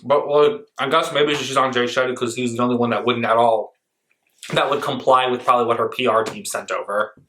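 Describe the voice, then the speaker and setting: A man's voice: mid-range voice, fairly even intonation, fairly quick, bright, forceful tone. A man giving casual reaction commentary on a clip, blunt and sarcastic, mocking what he hears. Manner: talks with his mouth full.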